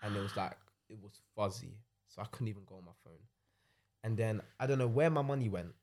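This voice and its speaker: Young male, London urban roadman accent, rapid slangy conversational storyteller, frequent "innit". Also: fairly low pitch, expressive, darkish tone. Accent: London-style urban British, roadman slang. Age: young adult. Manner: slangy, tags sentences with "innit". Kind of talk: casual chat, anecdotes.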